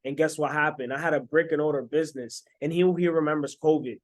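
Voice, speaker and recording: A young man in his twenties, from the Dominican Republic, talking straight to his viewers as a self-made coach. His voice sits a little high, and he keeps up a pumped, salesy energy, checking in with a quick "right?" after his points. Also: fairly even intonation. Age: 20s. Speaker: online business coach. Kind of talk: motivational sales pitch to camera.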